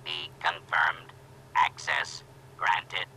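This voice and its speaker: A man voicing a cold male bank security computer, with a processed computer effect and flat, clipped announcements. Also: on the low side, drawn-out words, slight background noise, full character voice. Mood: mechanical.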